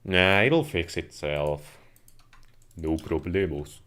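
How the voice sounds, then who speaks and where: This Finnish man plays a video game live, chatting casually with viewers in a low, slightly bright voice. He takes it slowly, with lively intonation, while keyboard and mouse clicks come through the noisy home stream.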